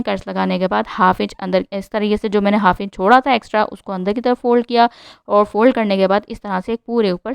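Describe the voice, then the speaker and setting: A woman hurries through a sewing tutorial voice-over, talking fast and showing each step. Her voice is smooth and clear, and the recording is dry and close with no room sound. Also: mid-range voice, no room sound. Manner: rushed, instructive, repeats "like this".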